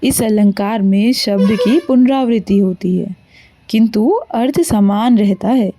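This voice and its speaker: A woman explaining grammar in formal, textbook phrasing at an even tone. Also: mid-range voice, measured pace. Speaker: teacher. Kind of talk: measured explanatory narration.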